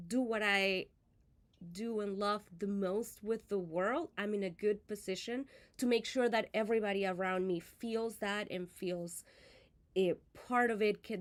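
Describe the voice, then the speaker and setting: Chatty woman. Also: medium pitch. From Venezuela. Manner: friendly, chatty, many fillers and restarts. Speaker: host of a live crafting stream. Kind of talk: casual live-stream chat.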